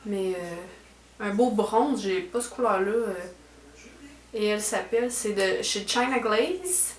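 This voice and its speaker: At home indoors, a young woman with a Quebec French accent chats casually through a beauty unboxing, her speech full of fillers and trailing "là". She's a beauty vlogger with a medium-pitched, animated voice and a slightly slow delivery. The room she's in is echoey.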